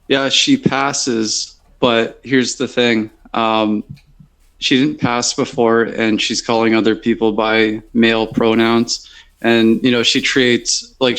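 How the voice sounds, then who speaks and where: A man's voice: mid-range voice, a bit bright. A man talking bluntly and with strong opinions in a casual group discussion.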